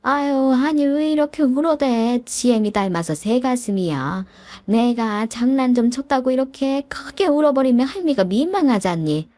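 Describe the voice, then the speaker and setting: A woman voicing a nagging, sharp-tongued older mother-in-law who grumbles and scolds, in a raised voice for a spoken story. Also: high-pitched, lively intonation, normal speed, dry recording, voice pushed up. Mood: scolding.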